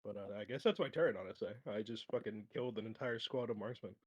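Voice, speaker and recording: A man playing in a tabletop game, brash and excitable, swearing as he hypes up his character. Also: fairly low pitch, fast talker, husky, no echo, highs cut off. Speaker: player.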